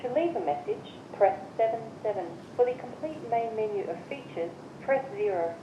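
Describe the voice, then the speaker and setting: Automated voicemail menu voice, woman, high and lively, played through a muffled, echoey phone speaker with hiss. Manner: measured, evenly spaced instructions. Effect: voicemail system voice heard through a phone speaker. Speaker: automated voicemail system prompts. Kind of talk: recorded menu prompts.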